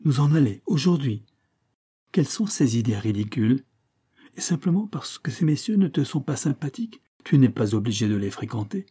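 A man's voice: medium pitch, sing-song, brisk, dark tone, slightly rough. A man reading aloud and voicing a wife who answers curtly and coldly, with arrogance. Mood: haughty. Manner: curt, cold, arrogant. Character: haughty wife, cold and imperious.

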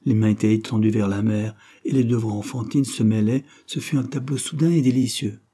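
Dark, husky male audiobook narrator. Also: lowish voice, fairly even intonation, fairly quick.

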